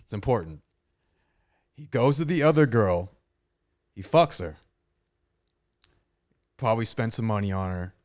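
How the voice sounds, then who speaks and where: A young man on a casual podcast, retelling a story in a crude, animated way with lots of swearing. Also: on the low side, measured pace, long pauses. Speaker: podcast co-host.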